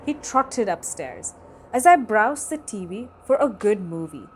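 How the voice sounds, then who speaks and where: A woman host reading a scary story aloud in a slow, dramatic storytelling manner. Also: medium pitch, sing-song, husky. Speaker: storytelling cooking channel host.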